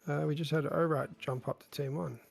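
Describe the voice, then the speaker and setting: A man with a froggy, croaky voice co-hosts a game stream in casual chat. His husky tone is full of gravel, and faint music plays behind him. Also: fairly high pitch, fairly even intonation, brisk. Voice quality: croaky, raspy. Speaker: stream co-host, lobby organizer.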